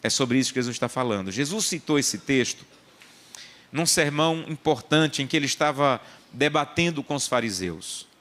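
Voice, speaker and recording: A man's voice: mid-range voice, animated, moderate pace, a bit bright. A male pastor delivering a sermon, emphatic and repetitive, mixing personal anecdotes with scripture teaching.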